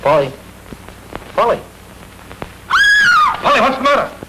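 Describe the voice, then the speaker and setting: Male actor as a brisk, commanding detective; rapid, animated delivery, 1930s radio style. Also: a little high, very noisy, natural voice. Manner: quick and commanding. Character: fast-talking male police detective.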